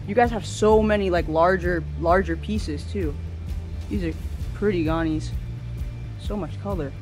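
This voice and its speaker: A woman's voice: lowish voice, measured pace, music in the background. A woman vlogging a store tour, chatting casually with slangy, enthusiastic exclamations. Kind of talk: casual vlog chat with slangy reactions. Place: indoor aquarium store room full of tanks. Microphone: handheld camera mic, close to the speaker.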